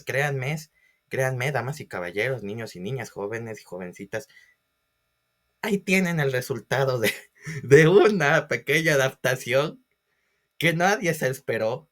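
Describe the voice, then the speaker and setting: An Ecuadorian history teacher with a mid-range, fairly bright voice delivers a lecture like a storyteller. He speaks in an animated but unhurried way, adding theatrical emphasis and putting questions to his listeners.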